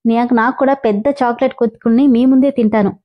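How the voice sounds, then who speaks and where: A woman's voice: fairly high pitch, fairly even intonation, quick pace, lo-fi sound, lightly acted. A woman voicing a sulky little village girl who whines and sobs through her lines in a storybook reading. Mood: tearful. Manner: whiny, sobbing, petulant.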